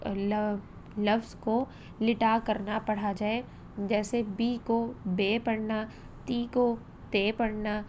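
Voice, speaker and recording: A woman with a fairly high voice gives a recitation lesson, drawing out each vowel to show how it should sound. She explains step by step, with faint noise behind her. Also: darkish tone. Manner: slow, careful demonstration of vowel sounds. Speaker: Quran recitation teacher. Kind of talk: tajweed lesson.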